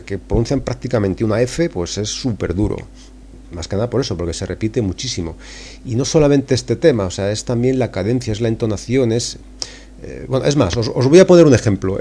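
A man's voice: medium pitch, dark tone. A middle-aged man from Spain with a Spanish accent, talking through a casual, rambling lesson as a podcast host, full of fillers and tag questions. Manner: chatty, digressive, many tag questions and fillers. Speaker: podcast host and English teacher.

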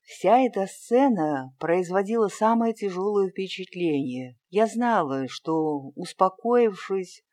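An audiobook reader narrating a story in an even, measured way. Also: mid-range voice. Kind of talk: scripted narration.

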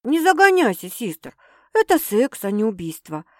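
A woman narrator puts on a cheeky, bawdy young sister who mocks and needles over the phone. Her voice runs higher than usual and sounds dry and close. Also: sing-song, moderate pace, no echo. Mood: teasing. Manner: mocking, bawdy and brash. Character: teasing, brash young woman Sveta, the sister.

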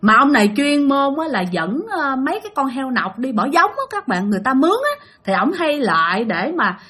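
A woman's voice: sits high, big pitch swings, a little fast, bright, forceful tone, slightly rough. A woman telling a ghost story in a chatty, casual way, speaking straight to her listeners. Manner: chatty, addresses listeners directly.

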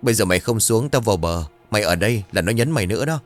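A man voicing a gruff older fisherman who talks brusquely and fast. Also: fairly low pitch, lively intonation, soft background music, lightly acted. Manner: brusque, quick, scolding.

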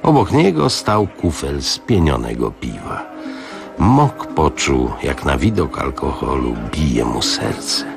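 A man narrating a novel for radio in a deep, expressive voice. His reading swings widely in pitch to dramatize the scene. Faint music plays quietly underneath. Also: slow, gravelly. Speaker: radio reader.

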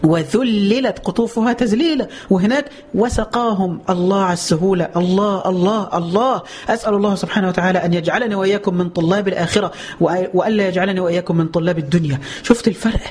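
A man with an Egyptian Arabic accent giving a colloquial religious lesson. He fires off rhetorical questions, lets out drawn-out exclamations, and slows right down to recite scripture. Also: sits high, a little hiss or hum. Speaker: preacher.

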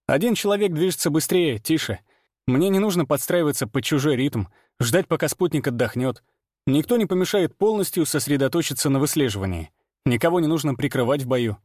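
A man's voice: a little high, animated, fairly quick, a little mellow, no echo, clean studio sound, pitched above the performer's own voice. A man reading aloud and voicing a blunt, self-assured young hunter who speaks matter-of-factly. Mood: confident. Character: cocky young male hunter, blunt and confident.

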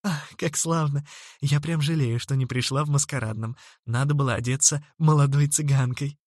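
A man's voice: medium pitch, steady tone, normal speed, no room sound, clean studio sound, lightly acted. A man voicing a friendly, chatty young woman at a dance. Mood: cheerful.

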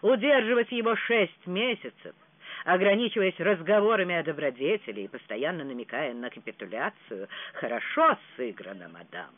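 An audiobook narrator reading a romance novel with dramatic, expressive delivery. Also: mid-range voice, moderate pace. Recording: tinny phone-like sound.

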